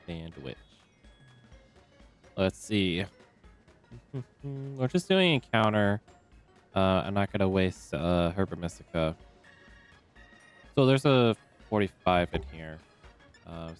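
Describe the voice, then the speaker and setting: Slow, low-voiced young man streaming a game. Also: clean tone. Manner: relaxed, rambling, talks to himself with many fillers. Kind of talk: casual live-stream commentary.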